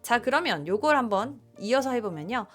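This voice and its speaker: A woman hosting a radio-style English lesson for mothers, explaining pronunciation and modeling phrases slowly for learners to repeat. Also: a little high, expressive, a bit bright, soft background music.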